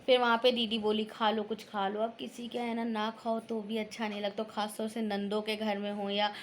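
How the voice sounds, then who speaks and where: A woman's voice: mid-range voice, level tone, normal speed, a little hiss or hum. A tired young woman vlogger chatting casually to camera, telling stories and quoting her relatives. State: tired, sleepy.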